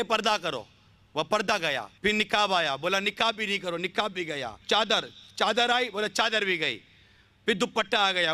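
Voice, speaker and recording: A man's voice: very high voice, pushed and bright, no room sound. A male preacher giving an impassioned sermon, full of rhetorical questions.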